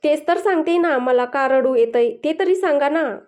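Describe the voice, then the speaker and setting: A woman's voice: sits high, moderate pace, darkish tone, close to an everyday voice. A woman voicing a moody, tearful pregnant young wife in a read-aloud story. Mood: tearful, sulky. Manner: sulky, whiny. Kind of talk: storybook dialogue reading.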